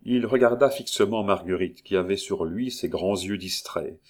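A man narrating a classic novel as an audiobook in a measured, deliberate reading. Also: low voice.

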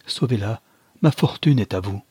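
A man voicing a panicked, grief-stricken husband who cries out loudly in despair. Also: fairly low pitch, expressive, moderate pace, husky, no echo. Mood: desperate.

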